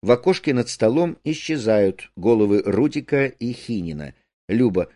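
A man reads a play aloud, giving its stage directions in an even, descriptive way. His pitch is mid-range and his intonation lively. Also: moderate pace. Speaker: reader.

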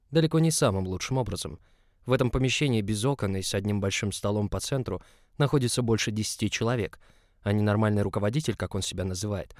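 A man reading a first-person audiobook in a calm, even, low-key way. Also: no echo, clean studio sound. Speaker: audiobook narrator.

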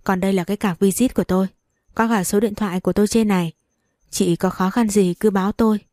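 Gentle generous man, read by a woman, caring tone, dark mellow voice. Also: mid-range voice, fairly even intonation, fast, dry recording, clean studio sound, natural voice. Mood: kind.

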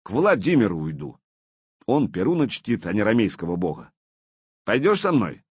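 A man voicing a fierce, gruff veteran captain eager for battle. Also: on the low side, wildly swooping pitch, moderate pace, darkish tone, no echo, muffled recording, exaggerated voice. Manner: gruff, warlike.

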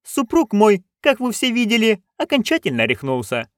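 A shrill, domineering noblewoman barks orders in a raised, pinched voice, as a male audiobook reader puts her on. Her lines swoop high and sharp. The sound is close and dry. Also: wildly swooping pitch, moderate pace, dry recording. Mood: imperious. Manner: commanding, sharp. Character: haughty shrill noblewoman, imperious and scheming. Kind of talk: audiobook character voice.

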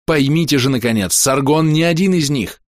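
A man's voice: fairly high pitch, moderate pace, no echo, studio quality, voice pushed up, natural voice. A man voicing a proud, fierce young woman warrior who snaps back defensively in a raised voice. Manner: sharp, defensive.

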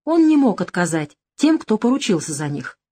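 A woman's voice: mid-range voice, very animated, moderate pace, dark tone. A woman voicing a worried middle-aged male crime boss who talks bluntly in an audiobook. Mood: uneasy.

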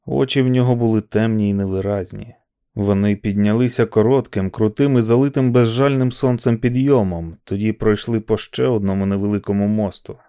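A man narrating an audiobook in a steady, dramatic storytelling manner. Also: fairly low pitch. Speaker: audiobook reader.

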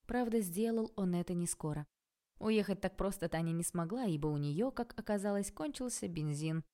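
A woman narrating an audiobook in a calm, even reading voice. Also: medium pitch, moderate pace.

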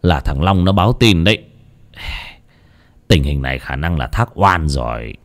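Man voicing a calm old clan elder. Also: sits low, dry recording, voice pushed down. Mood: calm soothing. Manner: slow, measured storytelling with hesitant fillers. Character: old clan elder over eighty, bald, calm and wise.

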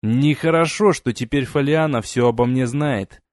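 A man voicing a stern young male warrior in an audiobook, speaking in a cool, measured way. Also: medium pitch, a little mellow, no room sound, clean studio sound, lightly acted. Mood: sardonic.

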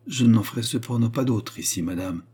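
Scheming noblewoman, feigning innocence, voiced by a man with a dark tone. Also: medium pitch, fairly quick, slightly rough, voice pushed up. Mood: feigned meekness. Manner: guarded, falsely meek. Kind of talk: audiobook reading.

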